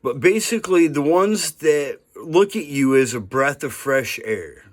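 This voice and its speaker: A man in his fifties talking straight into the camera in a loose, rambling monologue. He sounds earnest, and he keeps checking in with "right?" and "you know". His voice sits a little high for a man. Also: lively intonation, measured pace. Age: 50s. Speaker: vlogger.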